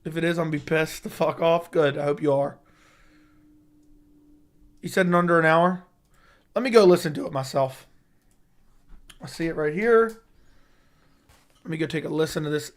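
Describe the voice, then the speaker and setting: A young MMA YouTube host runs a casual fight-sports livestream chat, his voice hoarse because he's losing it. He's on the high side, excitable, and quick to curse as he reacts to the news.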